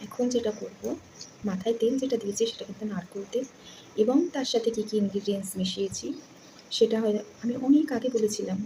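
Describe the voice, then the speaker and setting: A woman chatting casually in a home vlog, rambling and speaking softly because others are asleep. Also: mid-range voice, quick pace, gravelly, a little hiss or hum, low-quality recording. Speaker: vlogger.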